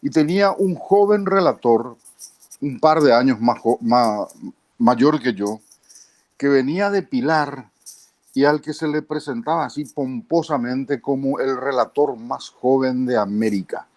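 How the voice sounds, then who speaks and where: A trained broadcaster in his fifties, speaking with a Paraguayan Spanish accent, recounts his career as an interview guest. His delivery is measured and clearly enunciated, and he often ends lines with a questioning aside. The voice is mid-pitched and somewhat dark, with no echo in the recording.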